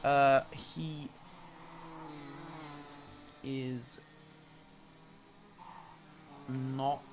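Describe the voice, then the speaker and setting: A man's voice: medium pitch, flat delivery, drawn-out words, slight background noise. A man with a northern English accent commentating a sim-racing event and interviewing drivers, chatty, with fillers and self-corrections. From northern England. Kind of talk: live esports race commentary.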